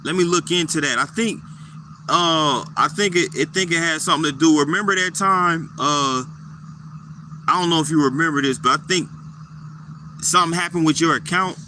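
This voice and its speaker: A man casually talking to his live chat viewers, relaxed and repetitive, answering people by name. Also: fairly high pitch, normal speed, slight background noise. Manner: laid-back, repeats himself, answers viewers by name.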